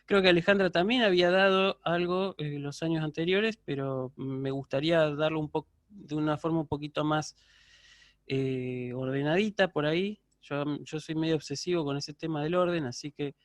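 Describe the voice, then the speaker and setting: A man's voice: a little high, normal speed, no room sound. A man teaching a university Greek class over a video call, patiently checking in with his students. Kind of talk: online lecture.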